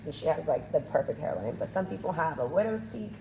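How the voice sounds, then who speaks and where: She's a hair colorist walking "you guys" through a coloring technique, hands-on and chatty, with a voice that hasn't fully come back after being lost. It sits low, with lively intonation, fast delivery and vocal fry. The recording is noisy and echoey, taken from a distant mic.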